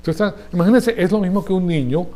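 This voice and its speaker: A man's voice: high-pitched, quick pace, mellow. A man giving a sermon to a congregation in a conversational way, often checking that his listeners follow him. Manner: conversational, asks the audience for agreement. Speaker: preacher.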